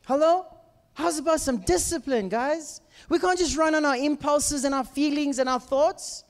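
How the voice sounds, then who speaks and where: A man's voice: very high voice, moderate pace. A man with a South African accent preaching in a conversational way, throwing questions at his listeners and acting out little dialogues. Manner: rhetorical questions and call-outs to listeners; acts out imagined dialogue. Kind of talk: animated conversational sermon. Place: large echoing room with live listeners. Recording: reverberant hall sound.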